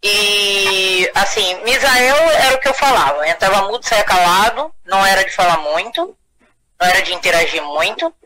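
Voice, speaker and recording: A woman being interviewed, recalling things casually and haltingly as she searches for words. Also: mid-range voice, animated, over a noisy crowd, poor audio. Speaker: interviewee, witness.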